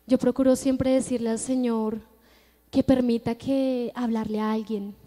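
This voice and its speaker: A woman's voice: on the high side, dark tone. Woman preaching in an echoing church. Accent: Colombian Spanish. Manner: earnest, storytelling, emphatic. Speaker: church speaker giving testimony. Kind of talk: testimony sermon. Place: church hall. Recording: long church-hall reverb.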